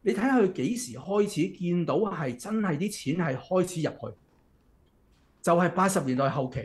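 A man's voice: sits high, animated, normal speed. A man with a Hong Kong Cantonese accent giving chatty economics commentary, often checking in with "OK?" as he walks through a chart. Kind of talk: casual explanatory commentary. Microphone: computer mic while screen-sharing.

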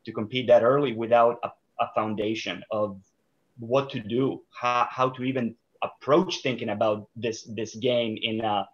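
A man's voice: medium pitch, fairly even intonation, moderate pace. Thoughtful man on a dull video call. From Serbia. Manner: thoughtful, many fillers and restarts. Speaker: guest, sport psychologist. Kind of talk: casual interview over video call. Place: small room indoors. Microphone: video call webcam.

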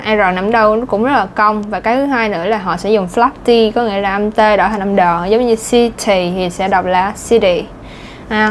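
A woman's voice: medium pitch, slight background noise. A woman with a Southern Vietnamese accent, talking casually as an English pronunciation teacher, chatty and full of fillers. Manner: chatty, lots of fillers and little laughs. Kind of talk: casual chatty lesson talk.

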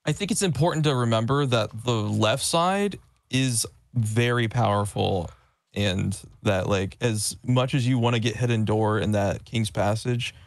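A man's voice: medium pitch, a little slow, no room sound, clean studio sound. A young man who organizes the tournament, chatting casually after games and giving laid-back strategy advice. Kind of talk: casual post-game chat.

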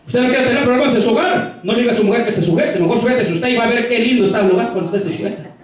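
A man's voice: very high voice, rapid-fire. A male pastor preaching a fervent sermon, calling out to the congregation again and again. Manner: fervent, repeatedly calling out "hermano". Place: church. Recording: echoey church from far off.

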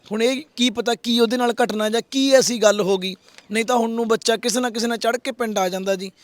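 A man makes an earnest appeal, pleading and repeating his requests. His voice sits fairly high and is recorded close and dry. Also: steady tone, quick pace, no echo. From Punjab, India. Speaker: social worker, host of an appeal video. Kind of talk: public appeal to viewers.

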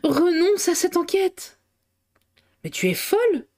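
A woman's voice: darkish tone, close to an everyday voice. Woman voicing an anguished young poet, pleading. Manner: high, slow, pleading delivery.

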